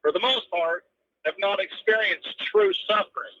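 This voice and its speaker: High bright man calling in from a truck. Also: normal speed. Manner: rambling and earnest, piles up points with many ums. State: driving while talking. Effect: phone call from a moving truck. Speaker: radio call-in caller. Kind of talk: casual call-in chat. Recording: muffled lo-fi phone line from a moving truck. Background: road and vehicle noise.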